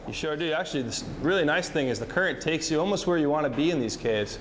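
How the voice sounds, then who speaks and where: A man guiding visitors through a sea cave, giving calm, matter-of-fact instructions, his voice echoing off the cave walls. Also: fairly high pitch, quick pace. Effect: cave echo. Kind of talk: casual on-location explanation. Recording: echoey sea cave with faint noise.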